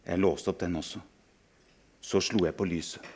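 Low-voiced man reading dramatically. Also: steady tone, husky. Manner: hushed, dramatic storytelling. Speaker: author reading aloud. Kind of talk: dramatic reading of a novel excerpt.

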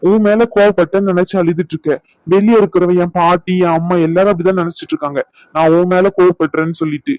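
A man's voice: high voice, fairly even intonation, quick pace, a little mellow, dry recording, highs cut off, close to an everyday voice. A man voicing a young husband in a cartoon who insists firmly but coaxes affectionately. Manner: firm, coaxing, insistent.

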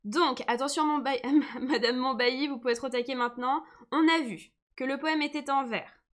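A woman's voice: sits high, steady tone, normal speed. A woman teaching a live online lesson, patient and encouraging, who says she is tired today. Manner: patient, encouraging, reads comments aloud.

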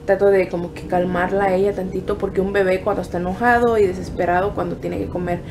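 A woman's voice: mid-range voice, fairly even intonation, quick pace, background noise. A young woman, a new mother, chatting casually in her daily home vlog, rambling with fillers and restarts.

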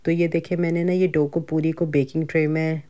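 A middle-aged home cooking vlogger with a Pakistani Urdu accent chats her way through a grocery and cooking vlog. Her low, mellow voice stays fairly level and moves quickly, full of fillers and asides in a chatty, conversational style.

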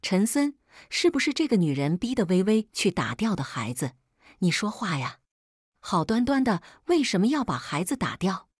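A raging middle-aged mother hurls insults in a husky, lively-pitched voice, as a woman narrator puts her on. She is coarse and abusive and never softens. The voice is dry and close. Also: moderate pace, no room sound. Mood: furious. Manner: shouting insults, screeching accusations.

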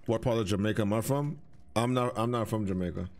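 A young man from the US Virgin Islands with the island accent, chatting casually while streaming a game, easygoing but animated when he rants. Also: on the low side, fast, a little hiss or hum. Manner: easygoing, turns loud and animated when ranting. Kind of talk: casual gaming chat.

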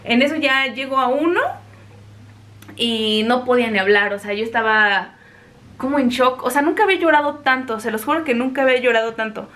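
A young woman with a Mexican accent telling a personal story in a chatty, animated way. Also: on the high side, a little fast. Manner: chatty, animated, acts out quoted voices. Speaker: vlogger. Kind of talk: casual storytelling.

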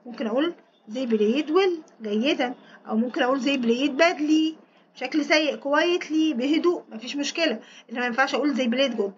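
An Egyptian woman teaching English. She explains fast in Egyptian Arabic, reads the English lines slowly and spells words out letter by letter. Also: high voice, dull audio, slight background noise. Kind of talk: recorded exam walkthrough lesson.

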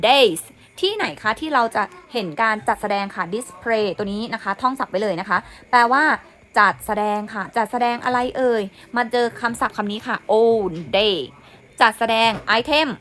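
A woman's voice: a little high, fairly bright tone, a little hiss or hum. A young woman teacher, patiently explaining English exam questions word by word, repeating each word and its meaning. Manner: patient, repeats words and meanings, says "นะคะ" often.

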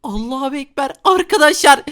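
A man's voice: very high-pitched, animated, moderate pace, a bit bright. A man voicing a hot-tempered, easily scared father in a Minecraft role-play, frantic and talking to viewers. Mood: panicked. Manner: frantic, exclaiming, talks to viewers.

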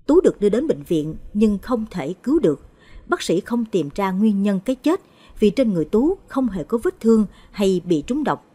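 Husky woman narrating a horror story. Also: medium pitch, no room sound. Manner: expressive, dramatic storytelling.

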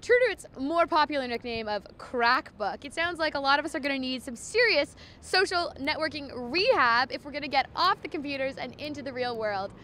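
High-pitched young woman, campus tv reporter outside, handheld mic, faint traffic. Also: expressive, brisk, few pauses. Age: young adult. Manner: bright, chatty questioning with scripted links. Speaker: student street reporter. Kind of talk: campus TV reporting and street interviews. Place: outdoors on a university campus. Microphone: handheld microphone.

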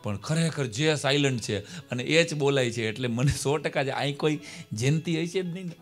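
A man telling comic stories on a live stage, acting out dialogue in lively voices. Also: mid-range voice, normal speed, soft background music. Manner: animated, acts out dialogues, bursts of laughter. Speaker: stand-up comedian and storyteller. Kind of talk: live stage comedy storytelling.

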